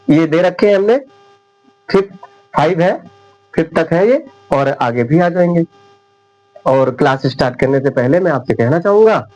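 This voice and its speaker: A man teaching English spelling rules at a whiteboard, repeating each example word slowly and often checking whether his viewers understand. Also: on the high side, darkish tone, rough recording. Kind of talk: whiteboard classroom lesson.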